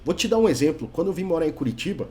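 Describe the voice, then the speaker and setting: Chatty Brazilian man teaching, higher voice. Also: lively intonation, racing, darkish tone. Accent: Brazilian Portuguese. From Brazil, Brasília. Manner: chatty, tags many sentences with a questioning "right?". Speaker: English teacher. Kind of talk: casual video lesson.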